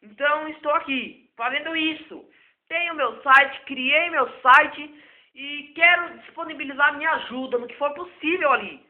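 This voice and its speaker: A self-taught computer tutor gives an improvised spoken tech lesson in a hoarse, very high voice at normal speed. He rambles and repeats himself, and the recording is tinny, echoey, and lo-fi like a phone.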